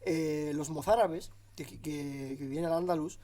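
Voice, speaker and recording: A man's voice: a little high, normal speed, warm tone. A man hosting a podcast, asking questions in a casual, slangy way. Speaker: podcast host.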